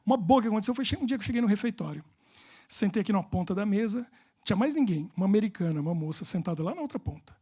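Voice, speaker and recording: A Brazilian pastor preaches with a dark, mellow tone. His voice is a little husky. He tells funny personal stories and repeats words for effect. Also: high-pitched, expressive, racing. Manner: humorous storytelling, playful repetitions.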